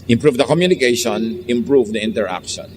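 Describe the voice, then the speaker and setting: A man with a Filipino accent preaching a sermon, moving between calm low emphasis and sudden high animated bursts. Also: brisk. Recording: long hall reverb, faint background noise.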